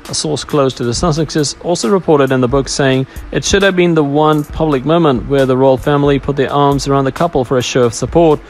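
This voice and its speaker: Speaking briskly with a darkish tone and hardly any pauses, a medium-pitched male voice delivers scripted royal news narration, occasionally tripping over words. Music plays behind him throughout.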